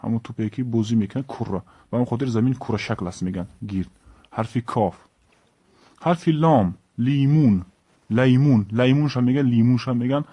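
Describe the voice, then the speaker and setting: A man with a Tajik accent teaching the Arabic alphabet, saying each letter and word slowly and repeating it. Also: medium pitch, warm tone, husky, no room sound. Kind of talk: alphabet lesson.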